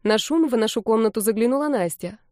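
A woman narrating an audiobook with a lively, expressive reading. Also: fairly high pitch, fast talker, dry recording, clean studio sound.

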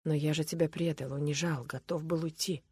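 A woman voicing a remorseful, broken middle-aged husband who speaks tearfully and in a hushed, pleading way. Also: deep voice, fairly even intonation, a little fast, slightly rough, dry recording.

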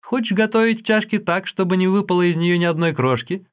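A man voicing a cheeky young fruit-selling street boy who wheedles and yells, in a storybook reading. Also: sits high, fast talker, clean tone, pitched above the performer's own voice, natural voice. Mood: shouting. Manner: wheedling and cheeky, then yelling. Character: cheeky street boy fruit seller, pleading then defiant.

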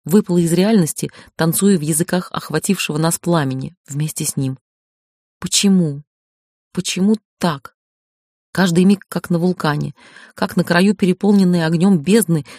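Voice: mid-range voice, fairly quick, darkish tone, dry recording. Dry-voiced audiobook narrator. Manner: wry, emotional inner monologue. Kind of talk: first-person novel narration.

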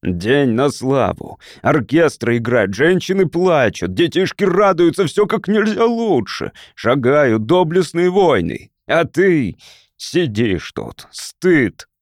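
A man voicing an outraged old Martian father-in-law who shouts indignantly in a storybook reading. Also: mid-range voice, sing-song, a little slow, hardly any pauses, dry recording, clean studio sound. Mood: ranting.

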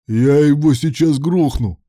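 A man voicing a sullen, hot-tempered young man who answers in short, gruff bursts. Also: mid-range voice, animated, normal speed, mellow, no echo, clean studio sound, natural voice. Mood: angry. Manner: gruff, curt.

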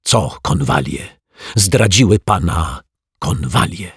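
A man's voice: deep voice, lively intonation, slow pace, a bit bright, breathy edge, no echo, studio quality, heavily acted. A man voicing a timid but stubborn male detective in a storybook reading. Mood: firm.

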